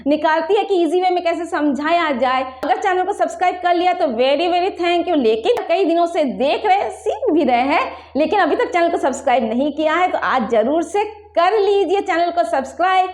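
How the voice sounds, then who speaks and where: A woman teaching a language lesson at a board, explaining patiently and slowing down to spell out example phrases. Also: very high voice, animated, a little mellow, roomy sound, a little hiss or hum. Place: room with a whiteboard.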